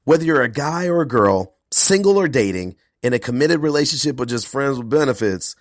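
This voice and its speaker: A male podcast host and performance coach delivering an earnest intro monologue, his voice hoarse from a cold. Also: mid-range voice, fairly quick, dry recording, clean studio sound. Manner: earnest, animated, self-promoting.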